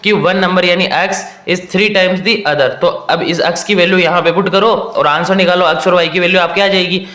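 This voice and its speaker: A young man teaching a maths lesson in a casual mix of Hindi and English, reading each question out slowly and walking students through it step by step. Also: high-pitched, fairly even intonation, bright, forceful tone, echoey room.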